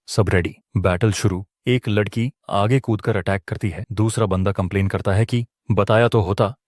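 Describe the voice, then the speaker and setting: Deep-voiced man recapping a comic story. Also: darkish tone, dry recording, clean studio sound. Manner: dramatic storytelling, quoting characters. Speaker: narrator. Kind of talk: manhwa recap narration.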